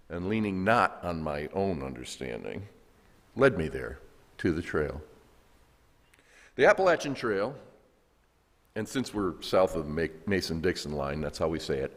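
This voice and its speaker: A man with a Southern American accent preaching as a guest pastor, folksy and joking with the congregation. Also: on the low side. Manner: folksy, animated, jokes with the congregation. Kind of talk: sermon with humor and audience call-and-response. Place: church sanctuary. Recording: echoey church hall.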